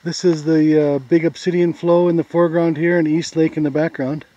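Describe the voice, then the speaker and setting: An American man talks his way along a forest trail, easygoing and plain as he points out the views. His voice sits a little high but sounds mellow and soft-edged. It comes through a dull, lo-fi camera mic outdoors. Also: level tone, a little fast, no echo. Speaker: hiker filming a trail video. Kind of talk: casual trail narration.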